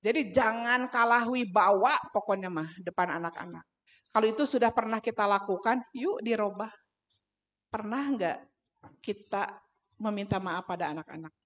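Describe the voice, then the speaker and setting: A woman's voice: medium pitch, normal speed, a bit bright, muffled recording. A woman with a Sundanese accent giving a parenting talk at a mosque, telling stories and acting out mother and child voices. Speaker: parenting speaker.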